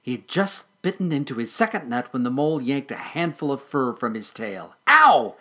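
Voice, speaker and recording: A man with a mid-range voice reads a children's story aloud like a storyteller, gentle and expressive, slowing down and softening his voice during sad moments.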